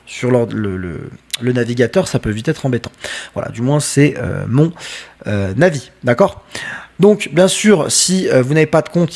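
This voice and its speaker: A man talks viewers through trading software in a relaxed screen-share tutorial. He speaks at a middle pitch and keeps it casual and direct, with plenty of fillers as he goes. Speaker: trading educator.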